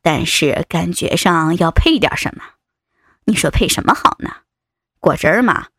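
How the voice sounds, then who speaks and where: A woman's voice: expressive, unhurried, fairly bright tone, breathy edge, no echo, exaggerated voice. A woman voicing a lecherous male vice president in an audio story, speaking in a mocking, teasing tone. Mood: leering. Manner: mocking, teasing, low-voiced. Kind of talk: erotic audio story reading. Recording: dry close recording.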